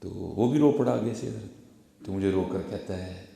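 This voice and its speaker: A man preaching a story sermon, turning from hushed asides to loud exhortation and addressing his listeners respectfully. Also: sits low, creaky. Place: Friday gathering in a large echoing room. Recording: very echoey room.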